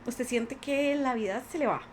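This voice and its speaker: A woman's voice: sits high, moderate pace, slight background noise. A woman with a Costa Rican accent, a podcast guest, earnestly telling her own life story in conversation and acting out what others said. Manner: earnest, many quoted voices. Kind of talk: personal testimony in conversation.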